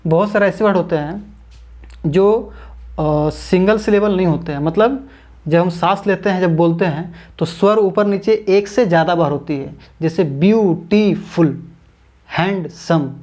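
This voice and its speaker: A man teaching an English grammar lesson online, explaining step by step, repeating his points, drawing out example words slowly and calling viewers his friends. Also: high voice, darkish tone.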